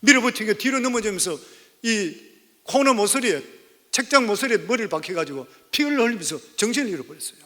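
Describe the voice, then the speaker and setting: Pastor, man in his 50s, high bright voice, preaching in a church with long reverb. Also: lively intonation, fast talker. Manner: storytelling sermon, rising to emphatic exhortation. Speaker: senior pastor. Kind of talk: sermon. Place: church sanctuary.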